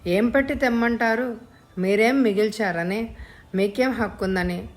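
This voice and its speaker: A woman's voice: on the low side, moderate pace, darkish tone, natural voice. A woman voicing a young man mourning his sister and bitter toward his drunken father. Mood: angry. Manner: bitter, heartbroken.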